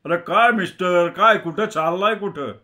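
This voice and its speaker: A man's voice: high-pitched, expressive, fairly quick, voice pushed up. A man voicing a menacing gang leader who bullies and accuses. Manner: bullying, loud, accusing.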